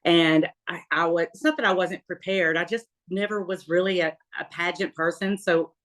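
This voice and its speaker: Chatty Southern woman, lowish voice. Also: normal speed. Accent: Southern American. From Tennessee, USA. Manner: chatty, laughing, animated storyteller. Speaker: guest. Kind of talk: casual interview storytelling.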